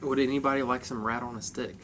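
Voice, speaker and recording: A man's voice: mid-range voice, steady tone, fast, noisy background. A man in casual podcast chat, easygoing and often agreeing with others. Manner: easygoing, short agreeing replies.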